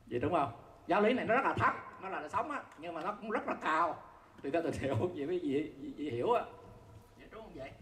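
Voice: medium pitch, fairly bright tone. A Buddhist teacher gives a conversational dharma talk to an audience, often asking listeners whether they see the point and chuckling while explaining. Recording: roomy echo with faint background noise.

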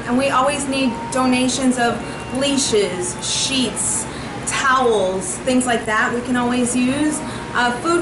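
A woman's voice: a little high, background noise. A woman in her forties, a rescue volunteer administrator, chatting enthusiastically while giving a tour of a small kennel. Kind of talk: on-camera interview and tour. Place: small indoor kennel room. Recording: echoey room with music under it.

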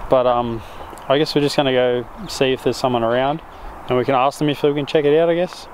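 A man's voice: mid-range voice, steady tone, quick pace. A young Australian man casually chatting on a vlog, rambling with lots of fillers and the odd swear word. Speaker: vlogger. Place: car interior, then outdoors on a site. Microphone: action camera, fisheye. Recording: noisy car and outdoor ambience.

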